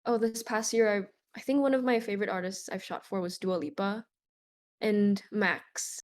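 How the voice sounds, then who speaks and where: A woman's voice: medium pitch, normal speed. A young woman from Indonesia, a native Indonesian speaker, talking casually as an interview guest with lots of "like" fillers. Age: young adult. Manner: relaxed, chatty, many "like" fillers. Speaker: guest concert photographer.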